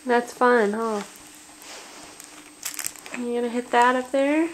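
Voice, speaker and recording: Parent woman, gentle baby talk, very unhurried and high-pitched. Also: fairly even intonation, a little hiss or hum, low-quality recording. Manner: slow, soft, cooing and encouraging.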